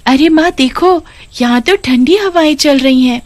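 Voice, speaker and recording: Woman voicing a young girl, cartoon story, high childlike voice, lively, dry recording. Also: unhurried, dry recording. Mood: delighted. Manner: high, excited and tearful. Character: young girl, grieving daughter.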